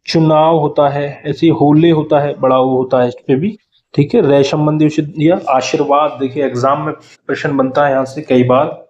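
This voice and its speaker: A man's voice: fairly high pitch, fairly even intonation, a little mellow, a little hiss or hum. Hindi man teaching spelling, echoey dull audio. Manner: explains quickly, often repeating key words. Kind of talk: exam-prep lesson. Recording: roomy, muffled sound.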